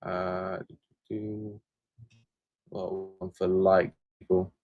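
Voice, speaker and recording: Speaking extremely slowly in a low, level tone, an English channel host answers viewer questions on a casual livestream. He reads comments aloud and replies hesitantly, rambling with plenty of fillers and restarts. The audio is phone-quality with no room sound.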